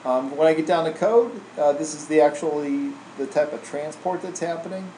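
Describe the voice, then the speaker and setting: A man whose voice is on the high side demonstrates software steps at a moderate pace, casual and informal like a trainer, tagging his points with "right?". Recorded indoors as a screen-recording voice-over, the sound carries a roomy echo and a faint hum of air-conditioning.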